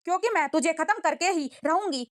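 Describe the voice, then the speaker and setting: A scheming noblewoman, bitter and vengeful, muttering her plans in a high voice, as a woman narrator puts her on. Close, dry sound. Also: animated, a little fast, no echo.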